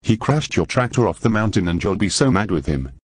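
A man's voice: fairly low pitch, big pitch swings, fairly quick, husky, no room sound. A man voicing an outraged scolding cartoon man.

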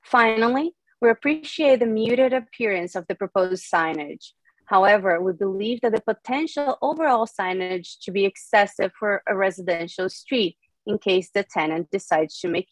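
A woman reading prepared testimony at a public hearing in a formal, measured way over a video call. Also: medium pitch, no room sound, rough recording. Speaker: public testifier for a preservation group.

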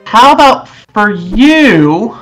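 A young man in casual gameplay chat, explaining things in a halting, conversational way. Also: high voice, sing-song, fairly bright tone, soft background music, low-quality recording. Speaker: gaming challenge player.

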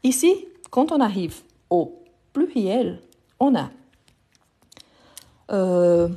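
A woman's voice: medium pitch, very animated, drawn-out words, mellow, breathy edge. A Brazilian-accented woman, a native Portuguese speaker, teaching a live French grammar lesson and patiently repeating each example.

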